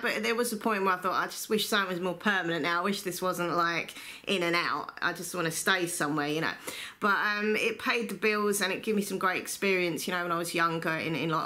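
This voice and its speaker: An English woman with a slightly low, bright voice chats as if sharing gossip. She tells her story casually, wandering through asides and poking fun at herself. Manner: gossipy, rambling, self-deprecating. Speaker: YouTube storyteller and host.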